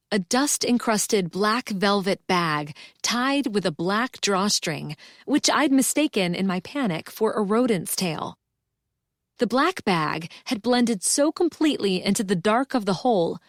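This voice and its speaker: A woman narrates a cozy mystery audiobook in a mid-pitched voice. She reads scripted first-person prose in an expressive storytelling manner, recorded close and dry with no room sound. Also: a little slow, no room sound.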